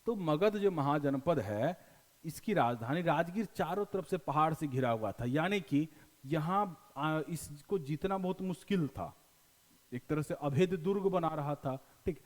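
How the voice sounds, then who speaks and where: A man's voice: fairly high pitch, expressive, unhurried. Bihari male teacher, echoey room. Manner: explains with repeated questions and answers; folksy, mixes in local dialect. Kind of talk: classroom lecture.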